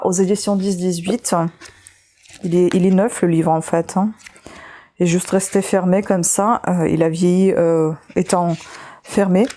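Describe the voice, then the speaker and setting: Woman booktuber, tired, warm low-key tone; chatty and hesitant, switching to reading blurbs aloud. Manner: chatty, hesitant with frequent fillers and restarts. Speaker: booktuber showing second-hand books. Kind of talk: casual book haul chat with blurbs read aloud.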